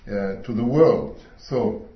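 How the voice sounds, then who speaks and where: Speaking English as a second language, this middle-aged man from Switzerland gives a sermon at a church meeting in a slow, earnest way, stopping frequently and using fillers to find his words. His pitch sits a bit low. The recording has a flat, roomy, hall-like quality.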